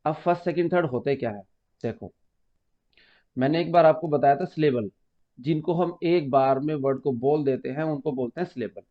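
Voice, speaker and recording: A man's voice: on the high side, normal speed. A man teaching an exam-prep grammar lesson, patiently explaining step by step, repeating key terms and calling students "beta.". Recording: muffled lo-fi recording.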